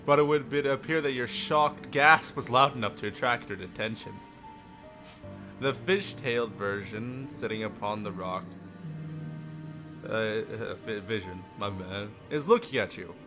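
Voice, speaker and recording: Faint music plays under this visual-novel livestream, where a man with a lowish voice reads dramatically, a little slowly, stopping now and then to crack playful jokes.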